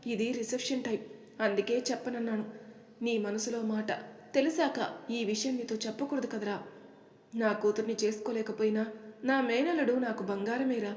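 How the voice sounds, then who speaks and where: A woman's voice: on the high side, fairly even intonation, normal speed, a little mellow, natural voice. A woman voicing a middle-aged maternal uncle who is affectionate and scolding, speaking in a fond, chiding way. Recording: echoey room with long reverb.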